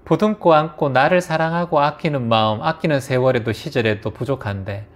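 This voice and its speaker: A man's voice: mid-range voice, a little fast. A man giving a meditation dharma talk with emphatic, repetitive exhortation that rises to fervent peaks. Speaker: meditation teacher.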